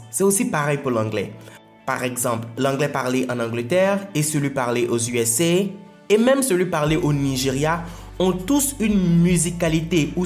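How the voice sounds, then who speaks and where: A man's voice: fairly high pitch, darkish tone. A man explaining an English lesson in French, patient and repeating his points for emphasis. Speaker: English teacher.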